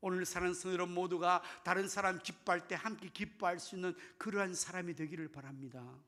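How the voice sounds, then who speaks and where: A man preaching a sermon as pastor, dramatic, swinging between loud bursts and whispers and asking the congregation questions. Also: high voice, steady tone, quick pace, big-room sound.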